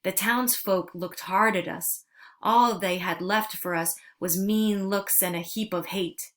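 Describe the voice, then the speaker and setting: Woman narrator for a storybook read-aloud, steady and earnest in her delivery. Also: mid-range voice, a little slow.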